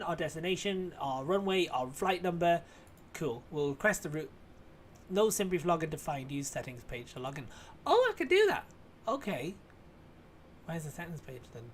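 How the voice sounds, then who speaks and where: Man streamer, chatty explainer, a touch high-pitched, light hiss behind. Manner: chatty and explanatory, swears casually. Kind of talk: casual explanatory chat.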